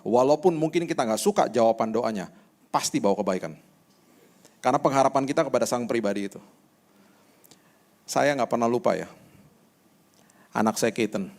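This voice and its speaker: A male pastor preaching a sermon in a conversational, animated storytelling way. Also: medium pitch.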